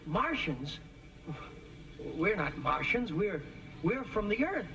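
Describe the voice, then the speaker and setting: An actor playing a sheepish, earnest young American amateur rocketeer, halting and stammering, in a 1950s sitcom. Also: male voice, sits high, very animated, noisy background, full character voice. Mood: bewildered. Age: young adult. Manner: halting, stammering, full of hesitations. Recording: distant-miked vintage TV soundtrack.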